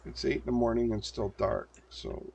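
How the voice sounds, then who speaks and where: A man's voice: mid-range voice, steady tone, moderate pace, gravelly, darkish tone, slightly rough. An older man giving casual gameplay commentary, muttering to himself as he plays at a desk mic. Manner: muttering to himself while playing. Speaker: gameplay streamer.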